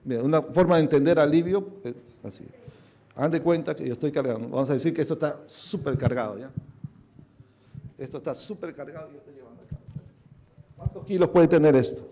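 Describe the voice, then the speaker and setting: A man preaching a sermon in a slightly higher voice, conversational and personal. He keeps asking his congregation whether they follow, and he repeats his key words for emphasis. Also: brisk, long pauses, dark tone. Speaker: pastor.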